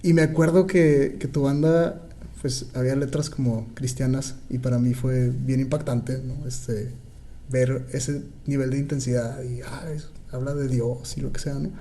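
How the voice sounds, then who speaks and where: A man's voice: medium pitch, measured pace, a little hiss or hum. Laughing young man telling stories. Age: 20s. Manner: animated storyteller, laughs often, many fillers. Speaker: podcast co-host. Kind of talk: casual podcast conversation.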